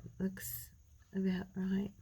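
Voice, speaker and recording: Tired and middle-aged, this woman hosts a casual craft tutorial, talking to viewers in a chatty, rambling manner and murmuring to herself as she works. She speaks slowly in a completely flat, mid-range, gravelly voice. Slight background noise is audible.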